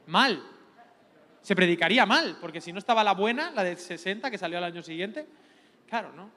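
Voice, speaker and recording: A middle-aged man with a Spanish accent from Spain, a pastor giving a lively, joking teaching sermon. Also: high voice, fairly quick. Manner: lively, joking, playful preacher. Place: large church hall. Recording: long hall reverb.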